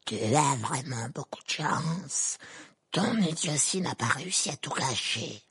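Man doing a menacing dark wizard, icy, slow drawl, gravelly, dry sound. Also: a little high, lively intonation, no room sound, heavily acted. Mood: icy menace.

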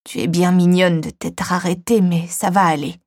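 A woman voicing a frail, grieving elderly man who speaks slowly and weakly. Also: on the low side, steady tone, no room sound, studio quality. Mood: sorrowful. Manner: slow, weak, quiet delivery.

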